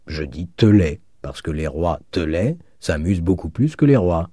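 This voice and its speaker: A mocking, worldly cynic, given voice by a male reader, low and dark in tone. He speaks with sardonic assurance, knowing better than everyone at the table. Dry, close audiobook sound. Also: very animated, normal speed, slightly rough, no echo, heavily acted. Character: cynical worldly middle-aged man, mocking. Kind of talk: audiobook reading.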